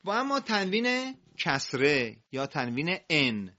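Man, recitation teacher, animated higher voice, drawn-out example words, muffled lo-fi recording. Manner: explains briskly, drawls example words slowly for repetition. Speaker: Quran reading teacher. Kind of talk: recitation lesson. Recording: muffled lo-fi audio.

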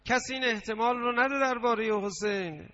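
Impassioned preacher, bright high voice. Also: male voice, dull audio. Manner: impassioned, swings from hushed storytelling to shouted lament. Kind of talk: Shia mourning sermon with chanting.

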